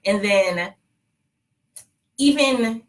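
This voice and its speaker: A woman's voice: mid-range voice, extremely slow, poor audio. A woman with a Texan accent, telling a personal story in a casual live-stream chat, laughing often as she talks. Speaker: fertility clinic staffer sharing her story.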